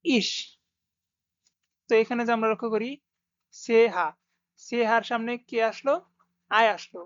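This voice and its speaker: A woman teaching a pronunciation lesson, saying each word slowly and repeating it for learners to copy. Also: on the high side, fairly even intonation, dry recording. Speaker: German language teacher. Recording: dull lo-fi sound, dry.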